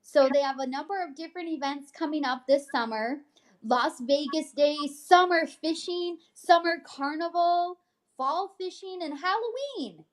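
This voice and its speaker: A co-host with a high voice and measured pace reads from her realtor newsletter, talking over the news items in a casual, upbeat, informal way.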